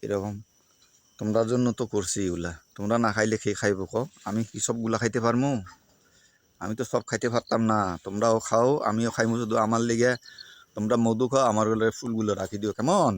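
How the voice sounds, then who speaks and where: A man, chatting gently and coaxing animals in a casual village vlog. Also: lowish voice, steady tone, brisk, no room sound. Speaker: village vlogger. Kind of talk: casual outdoor chat. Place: outdoors in a village. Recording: outdoor recording with loud insect and bird noise.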